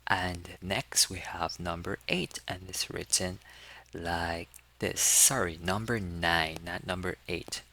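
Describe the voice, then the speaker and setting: A man's voice: sits low, fairly even intonation, takes it slowly, pushed and bright. A man giving a casual lesson, patiently demonstrating and repeating sounds for learners to copy. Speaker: language tutor. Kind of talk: casual teaching walkthrough.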